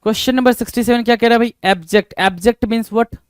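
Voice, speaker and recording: A man's voice: very high-pitched, steady tone, fast, clean tone, dry recording, studio quality. A man teaching a vocabulary lesson for competitive exams, who keeps asking rhetorical questions and answering them himself. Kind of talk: exam-prep vocabulary lesson.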